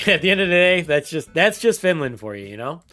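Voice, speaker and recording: A man's voice: a little high, sing-song, brisk, sharp tone, soft background music. A man streaming a game and chatting casually with his viewers, rambling and laughing often. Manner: rambling, laughs often, talks straight to chat. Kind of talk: casual livestream chat.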